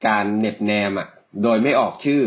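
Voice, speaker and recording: A man's voice: on the low side, brisk. A man co-hosting a podcast, chatting casually with crude slang and frequent laughs. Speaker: podcast co-host. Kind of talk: casual chat. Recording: dull lo-fi sound.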